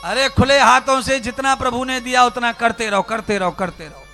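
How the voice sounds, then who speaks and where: Speaking at a moderate pace in a very high-pitched, pushed, bright voice with a steady tone, a male spiritual preacher gives a fervent, rhetorical Hindi religious sermon directly to his listeners. Faint music plays behind him.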